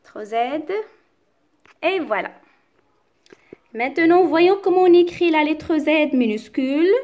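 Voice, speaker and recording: Slow, high-voiced woman teacher. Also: lively intonation, lo-fi sound. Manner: slow, articulated dictation-like delivery, repeating words. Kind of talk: slow, careful classroom reading and explanation.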